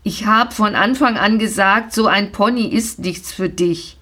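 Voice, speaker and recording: A woman's voice: medium pitch, a little slow, bright, forceful tone, husky. A woman reading a storybook, voicing a harsh, curt middle-aged father who gives orders. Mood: stern, harsh.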